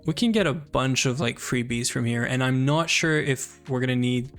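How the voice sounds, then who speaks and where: A Canadian man talks through his gameplay, planning aloud in a loose, chatty way. His voice has a gravelly edge and sits in a middle pitch. Soft music plays underneath. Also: normal speed. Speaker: streamer. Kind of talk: casual gaming commentary.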